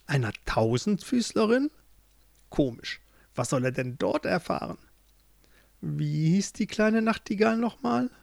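A man doing a gloating, shrill old witch. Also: sing-song, a little slow, vocal fry, dry recording, full character voice. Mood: scornful. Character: gleeful spiteful old female witch.

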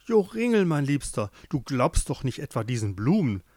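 A man's voice: medium pitch, sing-song, moderate pace, a little mellow, no room sound, studio quality. A man voicing a young woman in love in a fairy tale, with an emotive, pleading delivery. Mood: teasing.

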